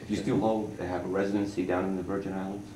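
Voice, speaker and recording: Deep quick-talking guy hosting an editorial interview, blunt questions, echoey noisy room. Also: little pitch movement. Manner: brisk, direct questioning. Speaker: newspaper editorial page editor, host. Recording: echoey room with background noise.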